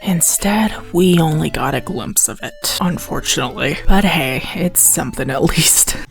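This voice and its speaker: A woman's voice: sits low, normal speed. A woman giving scripted commentary on a video game as a commentator. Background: faint music.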